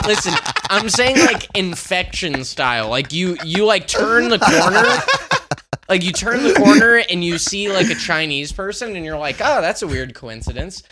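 A man co-hosting a comedy podcast, talking in rambling, excitable banter and leaning on filler words. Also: sits high, moderate pace, a loud crowd. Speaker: podcast co-host.

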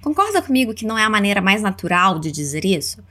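A woman with a Brazilian accent teaching English words, saying each one slowly and clearly for listeners to repeat. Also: medium pitch, sing-song, pushed and bright. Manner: slow, clear modeling of words for repetition. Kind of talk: language lesson narration.

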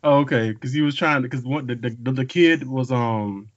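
A man's voice: medium pitch, normal speed, no echo, dull audio. A man in casual, slangy and profane banter about music with friends.

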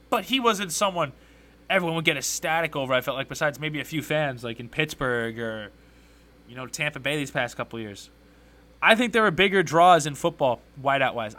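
Solo sports podcast host: a man with a slightly high, bright voice and an opinionated, rambling delivery. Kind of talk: casual sports talk commentary.

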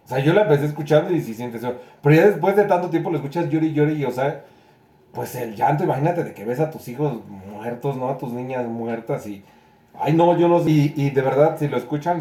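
A man's voice: mid-range voice, mellow, roomy sound. A man in casual chat as a podcast co-host, retelling a story and often tagging his sentences with a questioning "right?". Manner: retells stories, tags sentences with "¿no?".

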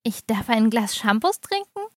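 A woman's voice: high-pitched, drawn-out words, fairly bright tone, no room sound, clean studio sound, full character voice. A woman voicing an embarrassed fourteen-year-old girl who mumbles and whines.

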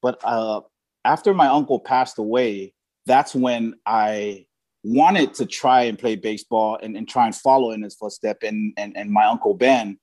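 A man's voice: on the low side, unhurried, darkish tone. A young man from Samoa, a former college baseball player, telling his story in an interview with many fillers and restarts. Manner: hesitant, many fillers and repeated words.

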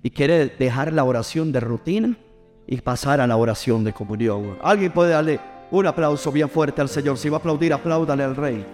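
A middle-aged pastor preaches in a high, lifted voice. He talks in an animated way and keeps calling on the congregation to answer him back. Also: a little fast, faint music behind. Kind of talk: sermon.

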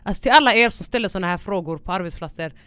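Woman, casual chat co-host, animated, crisp voice, dry sound. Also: medium pitch, no echo. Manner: animated, code-switches into English, quick-tongued. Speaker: podcast co-host.

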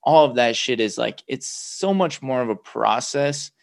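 A man's voice: mid-range voice, animated, unhurried, creaky. A man hosting a casual podcast conversation, talking emphatically and swearing freely.

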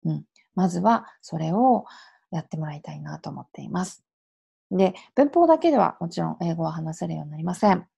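A woman's voice: lowish voice, animated, brisk, vocal fry, dark tone, breathy edge, muffled recording. A Japanese woman in her thirties hosting a solo podcast as an English coach, explaining in a chatty way and dropping in little affirming asides. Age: 30s. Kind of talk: casual solo podcast advice.

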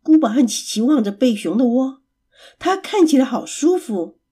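Warm expressive storytelling woman. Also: high-pitched, normal speed, breathy edge. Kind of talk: children's story reading.

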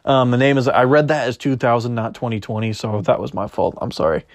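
Young male podcast host, chatty and rambling, mid-pitched, dry close-mic read. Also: fairly quick, dry recording. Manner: rambling, self-correcting, chatty. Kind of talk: solo podcast sports chat, reading news aloud.

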